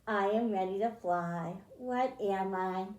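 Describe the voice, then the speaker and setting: Speaking slowly in a medium-pitched, darkish voice, this storytime host and children's librarian reads to kids and breaks science down into simple ideas. She keeps addressing the children directly with questions. Her words bounce around a roomy indoor space.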